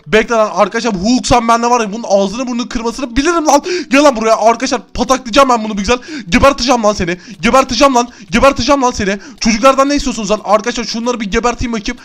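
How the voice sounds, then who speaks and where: Young male let's-play host, high and fast, excitable yeller. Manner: excitable, chatty, often yells and laughs. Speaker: gaming YouTuber. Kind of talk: Minecraft let's-play commentary.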